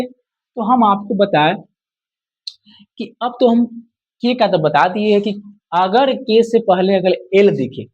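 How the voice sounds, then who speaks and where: A man's voice: high-pitched, a little mellow, highs cut off. A man teaching English spelling in a classroom style, asking a question and repeating the answer over and over. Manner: repeats questions and answers in call-and-response drills. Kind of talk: classroom lesson.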